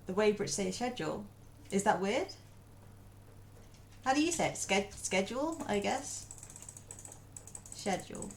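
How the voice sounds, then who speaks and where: A woman's voice: mid-range voice, very animated, normal speed, creaky, long pauses, darkish tone, slight background noise. A woman streaming as she draws, chatting casually, muttering to herself and answering her chat.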